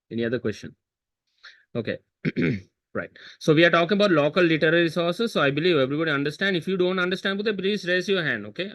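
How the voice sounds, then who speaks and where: A man's voice: mid-range voice, fairly bright tone, no echo. A man teaching a history seminar over a video call, repeating key terms and quizzing students with chatty asides. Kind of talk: online seminar lesson. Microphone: computer mic on video call.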